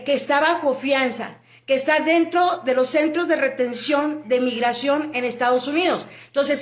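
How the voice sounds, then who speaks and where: A woman's voice: sits high, echoey room. A woman from Mexico giving an emphatic opinion monologue about immigration, full of rhetorical questions and fillers. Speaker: immigration commentator.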